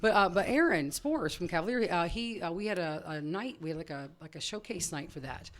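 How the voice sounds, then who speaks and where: Woman, comedian guest, lowish voice, loose and animated storytelling. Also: fairly quick. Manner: animated storyteller, swears casually. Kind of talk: casual chat.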